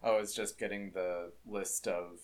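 A man co-hosting a podcast in casual chat, relaxed, with short replies and frequent laughs. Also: low voice, normal speed. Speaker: podcast co-host.

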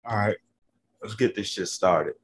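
Low-voiced man hosting casual podcast. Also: measured pace, a little hiss or hum. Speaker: podcast host. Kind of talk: casual profane banter.

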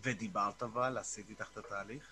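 A man with a bright, forceful voice leads a morning group session over a video call. He talks casually and coaches the group, then guides a short meditation. He repeats himself and hesitates with fillers, over a faint bit of background noise. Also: fairly low pitch, steady tone. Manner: informal, repeats words and fills pauses with "uh". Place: online video meeting.

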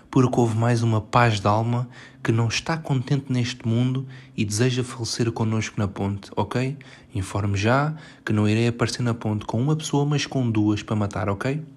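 A man's voice: medium pitch, darkish tone. Exasperated young Portuguese man ranting. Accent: European Portuguese. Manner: sarcastic, exasperated, mock-dramatic. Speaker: podcast host. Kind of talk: solo podcast rant. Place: his bedroom.

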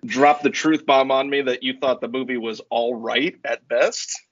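A male podcast co-host chatting casually, teasing and halting with restarts. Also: mid-range voice, fairly even intonation, no room sound, highs cut off. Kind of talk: casual chat.

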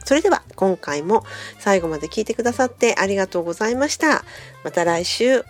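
A woman's voice: medium pitch, lively intonation, a little fast, soft background music. A woman speaking politely and attentively as a podcast co-host. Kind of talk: casual polite chat, scripted sign-off.

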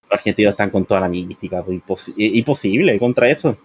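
Over a noisy crowd, a man with a lowish voice and a Chilean accent talks fast, bantering casually with fellow commentators on a live football broadcast. He teases and jokingly exaggerates.

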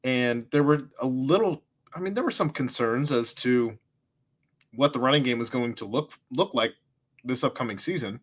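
Male host, mid pitch, conversational sports rundown, easy laugh. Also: normal speed, breathy edge. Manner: steers the talk, rundown of college football news, laughs easily. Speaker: podcast host. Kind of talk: casual sports chat.

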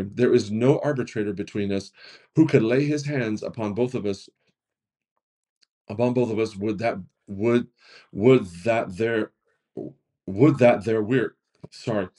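A pastor reads a long scripture passage aloud in a mellow, darker voice. He is earnest and unpolished, tripping over words and correcting himself as he goes. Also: lowish voice. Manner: earnest reading with frequent stumbles and self-corrections.

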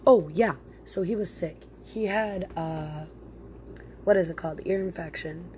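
Female podcast host, low register, stuffy nose from a cold, informal and blunt with joking slang, slight background noise. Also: a little slow. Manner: animated, blunt, slangy, jokey. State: sick with a chest cold. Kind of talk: casual solo podcast chat.

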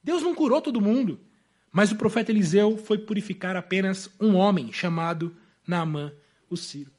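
A Brazilian-accented male preacher giving an evening sermon with a very high voice for a man. He preaches emphatically and often sinks suddenly to a hushed tone. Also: moderate pace. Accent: Brazilian Portuguese. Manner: emphatic, with sudden drops to a soft voice.

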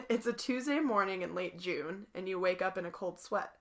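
A woman's voice: medium pitch, normal speed. A young woman co-hosting a podcast, reading a board game story aloud with giggles and playful asides. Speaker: podcast co-host.

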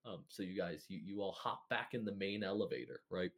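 A young man narrating a tabletop game as game master, in a casual, halting way with many restarts. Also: deep voice, fairly bright tone.

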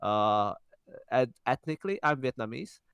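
A man's voice: medium pitch, lively intonation, moderate pace, gravelly, fairly bright tone, smooth, dry recording, studio quality. A young man from the Czech Republic hosting a podcast, talking casually and thoughtfully, with frequent halts and restarts. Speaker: podcast host. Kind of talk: casual conversation.

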